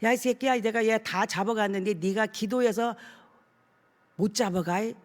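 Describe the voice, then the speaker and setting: A woman's voice: medium pitch, moderate pace, in a large hall, close to an everyday voice. A woman pastor voicing a mocking demon speaking through a young man, cursing and sneering. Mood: snarling.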